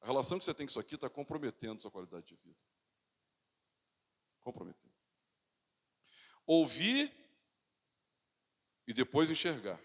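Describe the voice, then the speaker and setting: A male pastor, preaching a sermon with dynamic swings from loud calls to quiet asides, and calling on the congregation to repeat after him. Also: mid-range voice, big pitch swings, normal speed, long pauses. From Brazil. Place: church sanctuary. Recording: reverberant church hall.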